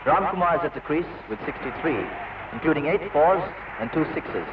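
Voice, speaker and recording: A man giving measured cricket commentary, as on an old radio broadcast. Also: fairly high pitch, lively intonation, dull audio. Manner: measured, precise. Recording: distant, roomy old radio broadcast with noise.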